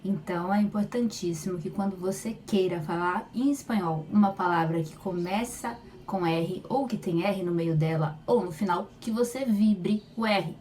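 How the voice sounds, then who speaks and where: A woman teaching Spanish pronunciation, modeling each sound slowly and repeating it loudly. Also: mid-range voice. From Brazil. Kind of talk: slow, deliberate pronunciation lesson. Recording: voice slightly far from mic, faint room noise.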